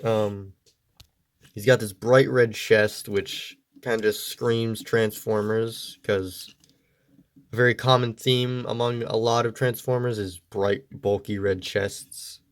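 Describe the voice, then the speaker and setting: A man with a slightly low voice that sounds stuffy and congested, as if his nose is blocked. He talks through a toy review in an easygoing, rambling way. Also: fairly even intonation, takes it slowly. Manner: easygoing, meandering explanations.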